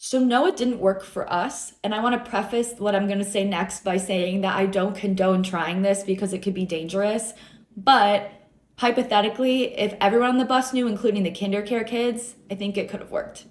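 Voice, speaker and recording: A woman's voice: mid-range voice, fairly even intonation, a little fast. A young woman from the United States telling a school story in a chatty, wry way. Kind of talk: casual storytime. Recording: roomy echo.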